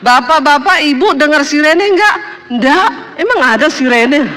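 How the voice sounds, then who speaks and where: A woman pastor preaching a sermon, telling a lively story and acting out the voices of the people in it. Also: high voice, unhurried. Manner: animated, acts out quoted voices.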